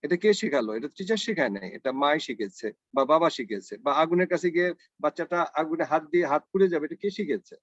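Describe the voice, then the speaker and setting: A man's voice: on the high side, expressive, brisk, no room sound. A university professor giving a conversational lecture to teachers. He tells short stories, asks rhetorical questions and drops in English phrases. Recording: dry, dull lo-fi recording.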